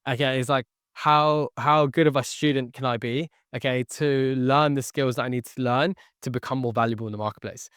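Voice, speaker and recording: A young man, a sales entrepreneur born near London and raised in the Philippines, with Tagalog as his first tongue, speaks on a podcast about his life. He talks briskly with few pauses in a steady, medium-pitched, fairly bright and clean voice, earnestly repeating phrases and saying "okay" often. The studio sound is clean with no room sound.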